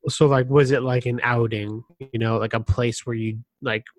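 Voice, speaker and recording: A man's voice: mid-range voice, level tone, moderate pace, no room sound. Man, podcast co-host, casual chat, wry asides, dry sound.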